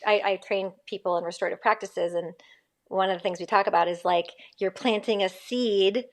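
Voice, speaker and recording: As a casual podcast guest, a Connecticut school psychologist in her fifties rambles and corrects herself mid-thought. Her medium-pitched voice has fairly even intonation and a brisk pace.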